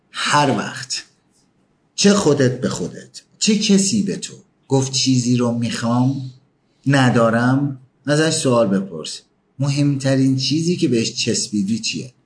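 A man's voice: medium pitch, expressive, a little hiss or hum. A man giving a motivational talk, pressing the listener with emphatic questions. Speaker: motivational speaker.

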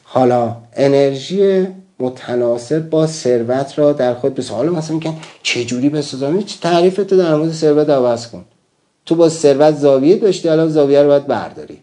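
A man delivers a motivational talk in a fairly high, mellow voice. He speaks emphatically and keeps turning to his listeners with rhetorical questions. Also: animated.

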